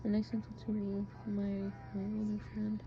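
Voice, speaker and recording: Talking as if into a personal audio diary, a young adult woman speaks in a monotone, medium-pitched voice, hesitant, halting and informal, with swearing. The home recording is muffled, and background noise and friends' voices are clearly audible.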